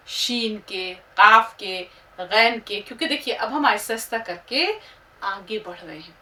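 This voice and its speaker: A woman teacher spells each word slowly and patiently, letter by letter, for her learners. Her voice is bright and sits a little high. She sounds set back from the microphone. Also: distant mic. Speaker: Urdu teacher.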